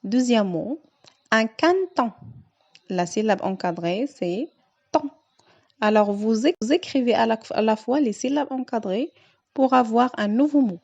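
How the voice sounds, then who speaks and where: A woman teacher going through a reading lesson for young children, speaking slowly and carefully and stretching out the key words. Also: on the high side, expressive, gravelly, a little mellow. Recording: dull lo-fi sound.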